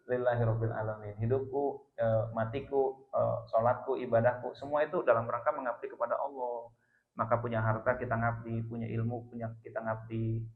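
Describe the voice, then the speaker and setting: A middle-aged man giving a lively sermon, chatty and rising loud on key phrases. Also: medium pitch. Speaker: preacher. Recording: roomy, dull lo-fi sound.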